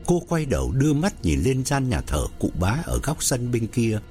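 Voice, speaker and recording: Man narrating a ghost story, very animated. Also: medium pitch, normal speed, soft background music.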